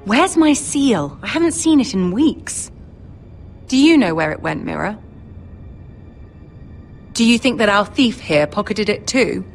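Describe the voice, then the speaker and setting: An actress playing a poised, commanding young noblewoman in a video game drama, formal and measured. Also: mid-range voice, animated, faint music behind. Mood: stern, suspicious. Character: poised, commanding young noble lady, betrothed future queen.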